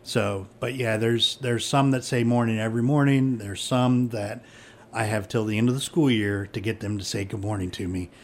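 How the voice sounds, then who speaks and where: A man's voice: lowish voice, fairly even intonation, normal speed, slight background noise. Easygoing middle-aged man, rambling chat. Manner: easygoing, rambling with many fillers and restarts. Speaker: police chief. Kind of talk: casual conversation.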